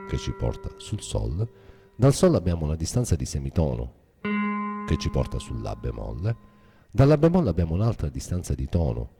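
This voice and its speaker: Very deep-voiced man teaching guitar. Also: vocal fry. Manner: methodical, step-by-step instruction. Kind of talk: guitar lesson explanation. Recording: guitar playing behind voice.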